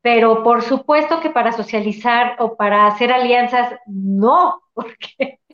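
A woman host sums up her guest's points in a conversational, reflective way. Her voice is on the high side. The sound is roomy and somewhat muffled. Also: a little slow, a bit bright. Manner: reflective, gives frequent brief affirmations. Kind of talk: conversational interview. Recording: roomy, slightly dull audio.

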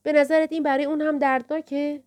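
A woman narrator voicing a calm, firm older woman librarian who reasons patiently. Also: high voice, voice pushed up, natural voice.

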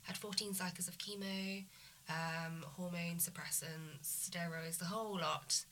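A woman in her thirties, nasal from a cold, calmly and candidly telling her story as a guest. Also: lowish voice, measured pace, a little hiss or hum. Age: 30s. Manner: calm, candid, matter-of-fact. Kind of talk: interview conversation.

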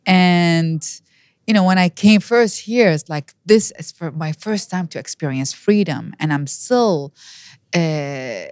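A woman's voice: fairly low pitch, animated, slow, darkish tone, no echo, studio quality. A woman, telling her life story as an interview guest, earnest and reflective with frequent restarts. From Iraq. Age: 50s.

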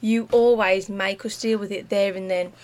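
A woman's voice: mid-range voice, steady tone, moderate pace, a little mellow. A woman co-hosting a casual podcast, defending herself in a playful argument with her partner. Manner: defensive, laughs while arguing. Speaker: podcast co-host. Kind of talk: casual couple banter.

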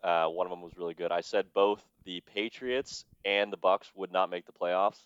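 Male co-host, very low voice, halting delivery, dry close sound. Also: fairly even intonation, smooth, dry recording, muffled recording. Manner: halting, restarts often, casual swearing. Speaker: podcast co-host. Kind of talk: casual chat.

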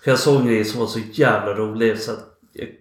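A man hosting a casual podcast, telling relaxed anecdotes with casual swearing. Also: on the low side. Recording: echoey room.

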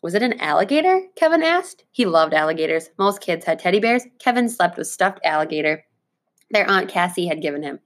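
Teacher reading a chapter book aloud to students, lowish voice, clear and expressive. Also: female voice, brisk.

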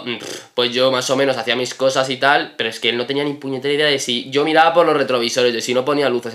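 A young man, casually telling animated stories with lots of fillers and swearing. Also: medium pitch. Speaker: podcast co-host. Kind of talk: casual storytelling.

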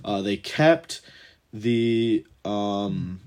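A man's voice: fairly low pitch, animated, very slow, darkish tone. A young man co-hosting a gaming podcast, talking loosely with swearing and frequent laughter. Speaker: podcast co-host. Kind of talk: casual gaming podcast chat.

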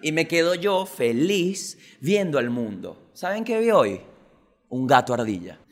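A young Venezuelan man hosting a podcast, telling stories in a slangy comic monologue that swings between loud bursts and low mutters. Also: very animated, unhurried. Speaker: podcast host, stand-up comedian.

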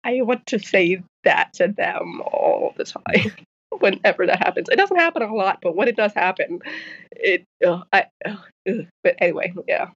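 A woman's voice: mid-range voice, animated, normal speed, creaky, husky. A woman author, a guest in a casual interview, who stutters with repeated sounds and blocks and laughs often. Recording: slightly dull lo-fi audio.

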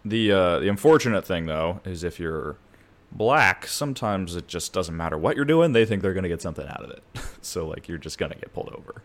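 A man's voice: sits low, animated, a little fast. A man co-hosting a podcast in casual comedic chat, blunt and swearing freely as he tells stories. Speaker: podcast co-host.

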